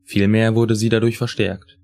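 A man reading a story aloud in a calm, even way. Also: lowish voice, moderate pace. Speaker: reader. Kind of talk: scripted story narration.

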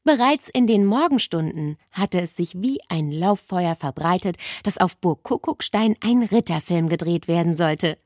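A woman narrating a children's story with expressive storytelling. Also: on the low side, moderate pace, hardly any pauses, dry recording, studio quality.

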